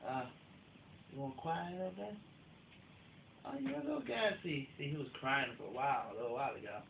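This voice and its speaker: A new dad chats and coos at his newborn son at home, his pitch swooping up and down as he teases. It sounds like an old VHS home-video tape, muffled and hissy. The room adds a hollow echo. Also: animated, fairly quick, creaky. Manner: playful, coos at the baby. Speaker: father filming his newborn.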